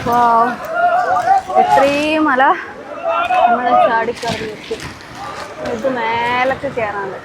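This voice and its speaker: A high-voiced woman gives casual vlog commentary on a noisy outdoor recording. She is exclamatory and drops English words into her Malayalam. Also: sing-song, takes it slowly, gravelly, long pauses, over a noisy crowd. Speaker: travel vlogger. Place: mostly outdoors on a trek.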